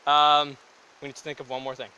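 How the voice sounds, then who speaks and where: Man, high-pitched, bright voice, casual podcast chat, joking, enthusiastic, uneven pace. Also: monotone, a little fast, smooth, muffled recording. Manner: upbeat, joking, rambling enthusiasm. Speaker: podcast co-host. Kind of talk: casual chat between brothers.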